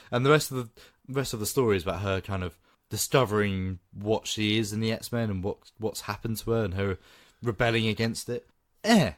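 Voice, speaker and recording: A man co-hosting a podcast, giving opinionated, animated takes in casual film chat. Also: fairly low pitch. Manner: opinionated, animated, laughs often. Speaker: podcast co-host.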